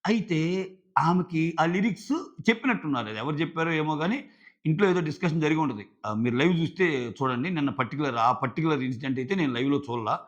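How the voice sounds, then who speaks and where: A man's voice: on the high side, fast talker, highs cut off. A man giving a casual review of a reality show episode, acting out the contestants' lines as he goes. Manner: animated, acts out contestants' lines in quotes.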